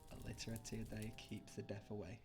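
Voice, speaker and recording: Young British streamer, low-pitched, rambling casual chat with viewers. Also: male voice, level tone, quick pace, background noise. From Britain. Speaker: livestreamer. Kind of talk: casual chat while gaming live.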